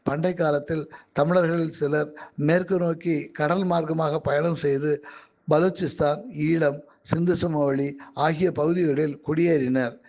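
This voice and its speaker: A man reading his own magazine articles aloud in a measured, careful way. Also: a little high, darkish tone, muffled recording.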